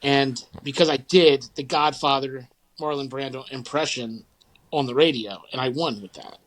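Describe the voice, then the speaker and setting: A man's voice: mid-range voice, moderate pace, fairly bright tone, poor audio. A man, co-hosting a podcast in casual, rambling chat full of fillers and restarts. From St. Louis area, Midwest US. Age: 40s. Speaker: podcast co-host.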